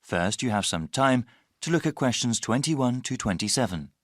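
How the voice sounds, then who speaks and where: A man's voice: medium pitch, animated, moderate pace, no room sound, clean studio sound. A man reading scripted instructional narration for a listening test.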